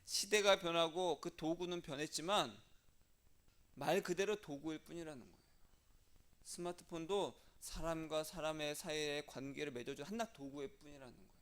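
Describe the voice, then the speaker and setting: A male pastor preaching a sermon in a conversational way, asking the congregation questions and sometimes dropping to soft asides. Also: on the high side, normal speed. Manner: acts out prayers and quoted speech in a changed voice.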